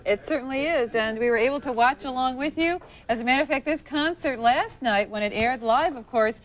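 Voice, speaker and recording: Female pledge drive host, high-pitched, chatty live fundraising delivery, ad-libbed. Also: poor audio.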